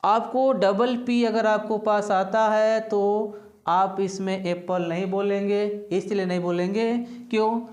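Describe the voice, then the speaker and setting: Woman teacher, mid-pitched, drills pupils with repeated questions, roomy echo. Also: steady tone, a little slow, a little mellow. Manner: repetitive question-and-answer drilling. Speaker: English teacher. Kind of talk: classroom lesson.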